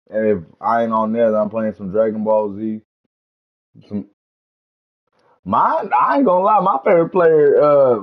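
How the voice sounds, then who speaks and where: Laid-back slangy young man streaming. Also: mid-range voice. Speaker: livestream host. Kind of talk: casual livestream chat while gaming. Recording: dull lo-fi stream audio.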